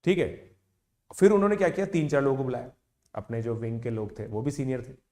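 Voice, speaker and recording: A man in his thirties, an educator, tells a motivational story to online students in a casual, animated way. He mixes English words into his Hindi and checks in with listeners again and again. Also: medium pitch, fairly quick. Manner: chatty, animated, with frequent "theek hai" check-ins.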